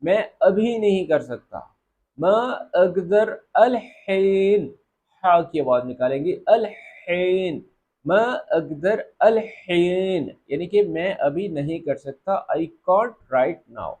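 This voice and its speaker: A man teaching spoken Arabic phrases, saying each phrase slowly and more than once before explaining it. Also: fairly high pitch, expressive, darkish tone, slightly rough. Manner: repeats phrases slowly and drawn out, then explains. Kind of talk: spoken language lesson.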